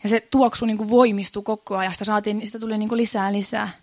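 Woman preacher, mid-pitched, earnest and repetitive, dry room. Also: flat delivery, a little mellow, dry recording. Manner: earnest, repetitive, building emphasis. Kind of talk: sermon.

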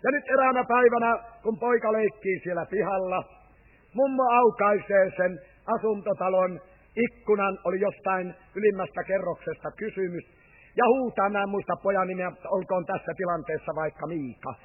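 A man preaching a sermon, telling a story and then rising to fervent, loud calls to his listeners. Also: high voice. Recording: tinny old radio broadcast with long hall reverb.

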